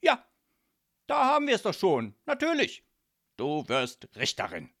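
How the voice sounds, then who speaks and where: A man voicing a loud, hot-tempered mafia boss father who blusters and bellows in a storybook reading. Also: medium pitch, wildly swooping pitch, unhurried, vocal fry, breathy edge, dry recording, studio quality, full character voice. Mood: dismissive.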